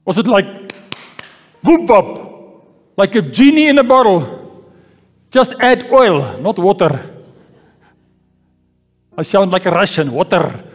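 A pastor whose voice sits high preaches slowly, pausing often, his pitch swinging widely. He reads scripture, repeats key phrases and calls "Amen?" to the congregation. Recorded in a church hall, the sound has long reverb and faint music.

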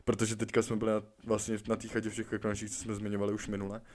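A man's voice: fairly low pitch, monotone, a little mellow. A young man chatting casually, slangy and swearing. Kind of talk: casual chat.

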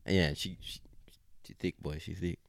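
A man's voice: low-pitched, steady tone, moderate pace, gravelly, no echo, studio quality. A man co-hosting a podcast in crude, irreverent, blokey banter, swearing constantly and using lots of slang. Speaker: podcast co-host.

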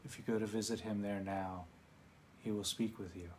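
A man voicing a kind and calm wise old man who gently reassures a grieving woman in a teaching story. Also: lowish voice, moderate pace, a little hiss or hum, natural voice. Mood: gentle.

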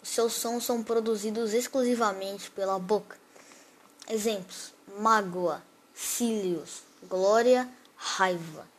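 A woman's voice: mid-range voice, a little hiss or hum. Woman reading a grammar lesson. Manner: reads definitions and word lists slowly, one example at a time. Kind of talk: read-aloud grammar lesson.

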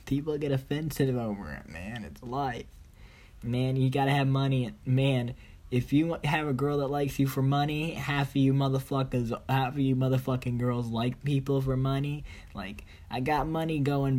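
A man's voice: mid-range voice, darkish tone. A man vlogging in a rambling, boastful, profane monologue with broken grammar. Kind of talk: rambling casual monologue to camera.

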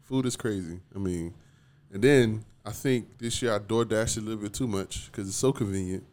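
A man's voice: on the low side, normal speed, a little mellow. A man co-hosting a podcast, telling stories in a loose, casual way and laughing often. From South Florida. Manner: laid-back storyteller, laughs often. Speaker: podcast co-host. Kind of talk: casual chat.

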